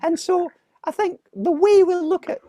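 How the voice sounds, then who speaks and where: Goofy muffled Scottish falsetto sock puppet. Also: male voice, normal speed, warm tone, dry recording, clean studio sound. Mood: chatty. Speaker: guest comedian. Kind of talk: casual interview chat.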